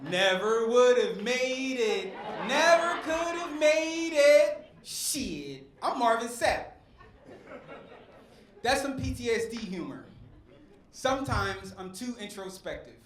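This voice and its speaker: Slow yet very animated, the comedian's voice is extremely high and a bit bright. The middle-aged West Philadelphia man performs stand-up on a comedy club stage, working the crowd with a preacher-like rhythm, while the echoey room carries faint crowd noise.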